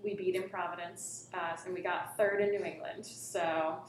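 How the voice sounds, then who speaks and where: A young woman chatting casually about her improv group, her words full of fillers. Her voice sits a little low, and it rings in a very echoey room. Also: steady tone, moderate pace, noisy background. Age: young adult. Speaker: college improv performer. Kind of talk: casual chat.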